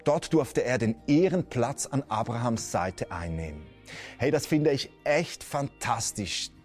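A man's voice: medium pitch, lively intonation, measured pace, a little mellow, soft background music. A man preaching a sermon to a video audience. He earnestly asks the viewer direct questions and drops in casual interjections. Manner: colloquial interjections.

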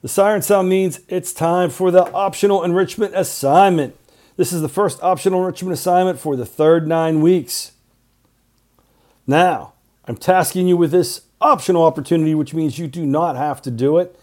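Mellow teacher man in short phrases. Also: fairly high pitch, normal speed. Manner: clipped short phrases, earnest reminders. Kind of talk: class podcast announcements.

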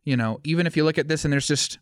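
A man's voice: on the high side, racing, clear, resonant tone, no echo, studio quality. Playful man co-hosting a faith podcast. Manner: playful, laughs often, theatrical asides. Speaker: podcast co-host. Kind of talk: casual faith podcast chat.

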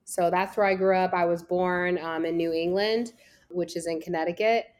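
A woman's voice: lowish voice, steady tone, normal speed, a little mellow. Chatty American woman guest. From Virginia, USA. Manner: chatty, storytelling, frequent "like" fillers. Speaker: guest, travel business founder. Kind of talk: casual interview talk.

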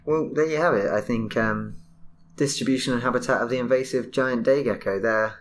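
A man's voice: medium pitch, brisk, a little hiss or hum. A man co-hosting a podcast in casual chat, explaining details and reading out paper information. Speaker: podcast co-host.

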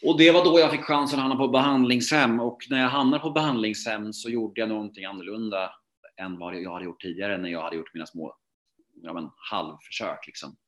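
A man's voice: lowish voice, a bit bright. A man telling his recovery story in a casual, rambling way, full of fillers and restarts.

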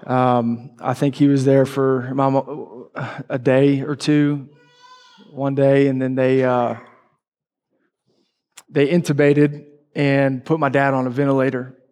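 Emotional preacher sharing a story. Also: male voice, medium pitch, little pitch movement, takes it slowly, a little mellow. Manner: emotional, candid personal storytelling. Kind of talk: sermon.

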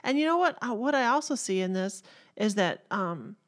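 A woman's voice: mid-range voice, animated, moderate pace. A woman from Texas with a Southern accent, co-hosting a casual Bible discussion and chattily building on her partner's points. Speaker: podcast co-host.

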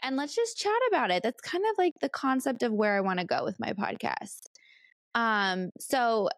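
A woman's voice: on the high side, expressive, moderate pace, vocal fry, dry recording, studio quality. A woman in her late thirties from California, hosting her own podcast in a rambling, chatty way with plenty of fillers. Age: 30s. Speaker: podcast host. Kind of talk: casual solo podcast chat.

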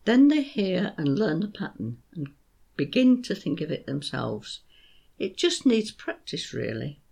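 Slow, lilting podcast poetry teacher. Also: medium pitch, very animated, creaky, darkish tone, husky. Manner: slow, sing-song rhythmic reading, tapping out beats. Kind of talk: explanatory talk with poems read aloud.

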